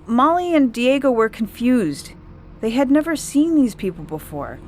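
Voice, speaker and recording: In a dramatised reading over background music, a woman gives an earnest young girl's account of alien visitors. She pushes her voice up to a fairly high, sing-song pitch with a darkish tone, at a moderate pace.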